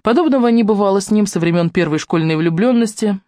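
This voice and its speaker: Audiobook narrator, measured and steady, close dry mic. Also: mid-range voice, dry recording.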